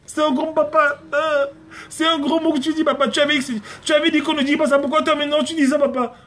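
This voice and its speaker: Guy doing a high whiny little girl nagging her dad, insistent, keeps repeating herself. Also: level tone, fast, a bit bright. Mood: scolding.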